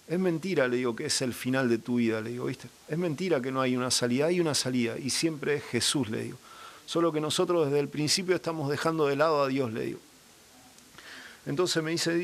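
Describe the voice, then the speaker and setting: A young man gives a personal faith testimony as a guest. He tells his story earnestly and acts out the dialogue he quotes. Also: a little high.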